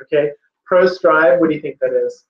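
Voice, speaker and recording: A man's voice: on the high side, moderate pace. A man teaching an online test-prep class, playfully quizzing his students on word roots. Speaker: tutor. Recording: echoey, dull lo-fi sound.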